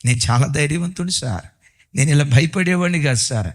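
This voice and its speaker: A man's voice: on the high side, fairly quick, lightly acted. A man doing a brash young atheist man. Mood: defiant. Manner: boastful, insistent.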